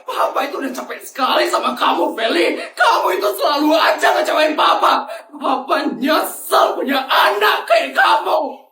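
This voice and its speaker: A voice actor playing a furious father who harshly scolds his young daughter, shouting at her. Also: sits high, big pitch swings, moderate pace, roomy sound, a faint crowd, heavily acted. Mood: angry.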